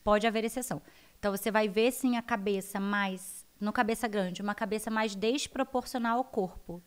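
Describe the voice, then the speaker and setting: A woman with a Brazilian accent, a guest educator explaining child development in an animated interview. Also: mid-range voice, brisk, smooth. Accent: Brazilian Portuguese. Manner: animated, acts out her children's voices.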